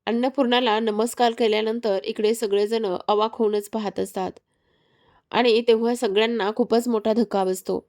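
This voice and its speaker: A woman's voice: on the high side, steady tone, normal speed, a little mellow. A woman narrating a recap of a TV serial's episode, retelling it steadily with frequent fillers.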